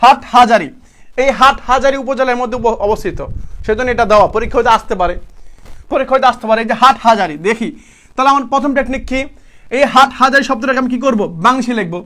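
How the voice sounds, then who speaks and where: A young man teaching a live exam-prep class, repeating points and quizzing students with quick questions in a casual, brotherly way. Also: very high voice, fairly bright tone. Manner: repetitive, drilling students with quick questions and answers; colloquial, addresses students as brother.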